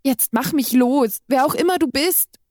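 A woman's voice: high voice, unhurried, darkish tone, no echo, studio quality, pitched above the performer's own voice. A woman voicing a frantic young woman, bound and terrified, whose pleading voice cracks upward in panic. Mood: panicked pleading.

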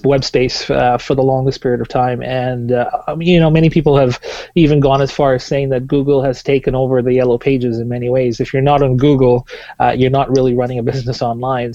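Dark-voiced man from Tanzania. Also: mid-range voice, no room sound, highs cut off. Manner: fluent, businesslike, many fillers. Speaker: guest. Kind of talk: podcast interview.

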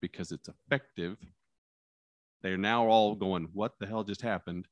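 A criminal defense lawyer with a loud, carrying, lowish voice talks casually about courtroom practice, recorded close and dry with no room sound. He brings his stories to life by acting out lines and dropping his voice low for effect. His intonation stays fairly even and his pace is measured.

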